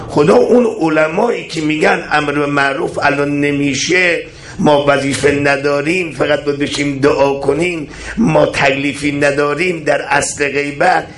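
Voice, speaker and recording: Male preacher, impassioned sermon, rhetorical questions, scripture recitation, slightly high pitch. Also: a bit bright, reverberant. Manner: recites Arabic scripture in chant-like cadence. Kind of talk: religious sermon.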